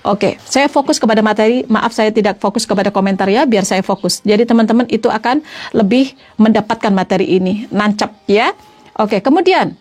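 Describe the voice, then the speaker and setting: A woman preacher giving an earnest religious talk to her followers online. She repeats points and often calls her listeners friends. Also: fairly high pitch. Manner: stops briefly to answer greetings from comments. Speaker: female Islamic preacher (ustazah).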